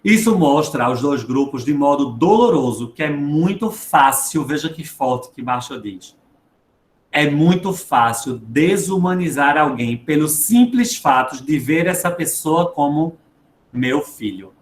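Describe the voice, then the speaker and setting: A man, a psychologist reading a book aloud and commenting on it in an earnest talk, slowing down to stress words. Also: fairly high pitch, animated. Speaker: psychologist guest speaker. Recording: echoey room with faint background noise.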